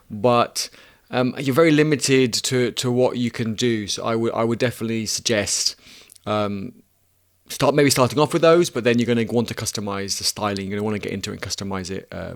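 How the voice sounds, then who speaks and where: A man's voice: lowish voice, moderate pace. A man in his thirties hosting a casual live stream, answering chat questions and thinking aloud with many restarts and self-mocking laughs.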